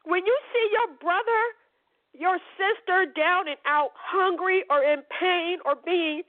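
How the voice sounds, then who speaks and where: A woman hosting a call-in talk show, speaking passionately and emphatically and swearing freely. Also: very high voice. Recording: tinny phone-like line.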